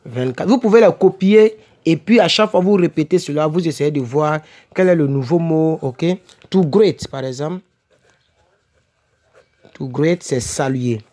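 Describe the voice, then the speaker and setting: A man's voice: on the high side, unhurried, warm tone. A man giving a casual home-made English vocabulary lesson, repeating words and checking in with "ok?" and "n'est-ce pas?", correcting himself as he goes. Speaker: English teacher for French speakers.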